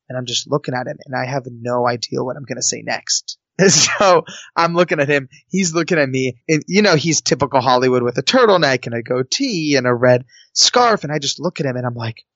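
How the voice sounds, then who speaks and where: Animated male storyteller, comic timing. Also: mid-range voice, vocal fry, no room sound, dull audio. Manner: lively, comic, jumps into quoted voices. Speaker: guest telling a personal story.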